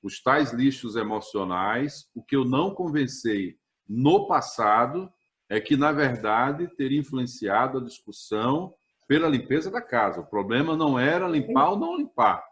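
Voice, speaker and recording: A man's voice: medium pitch, expressive, moderate pace, a bit bright. A man with a Brazilian accent hosting a podcast, summing up his guest's points and asking follow-ups. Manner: sums up and follows up with questions. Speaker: podcast host. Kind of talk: conversational podcast interview.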